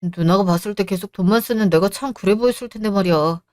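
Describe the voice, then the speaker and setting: A woman's voice: mid-range voice, fast, darkish tone, no room sound, studio quality, natural voice. A woman voicing a sulky pleading husband. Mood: coaxing. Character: whiny adult man, jobless, sulky younger husband. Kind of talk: radio drama reading.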